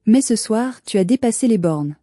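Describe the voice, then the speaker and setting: A cold and haughty mother with a cruel streak, read out by a woman narrator, each phrase icy and clipped. The voice is dark and mellow in tone, recorded close and dry with no room around it. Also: a little high, lively intonation, moderate pace, no echo, faint music behind. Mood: contemptuous. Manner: icy, cutting, clipped delivery.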